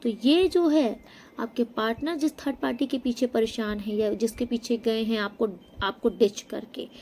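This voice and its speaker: A woman's voice: fairly high pitch, fairly even intonation, normal speed, a little mellow. Emphatic woman giving a tarot reading. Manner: emphatic, addresses viewer directly with frequent "okay?". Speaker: tarot reader. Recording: faint background noise.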